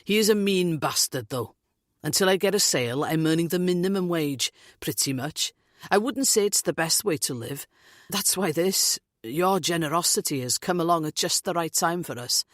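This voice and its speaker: Woman doing a gruff Welsh joker. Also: lowish voice, animated, normal speed, no echo, studio quality, natural voice. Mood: grumbling. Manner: blunt, jokey, grumbling. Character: gruff middle-aged Welsh man, blunt joker.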